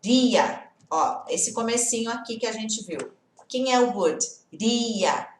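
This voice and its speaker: Woman, native Portuguese speaker, English teacher, live-stream lesson, lively, fairly high voice, echoey room. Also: a little slow. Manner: lively, often checks in with "tá?" and "né?"; greets viewers by name.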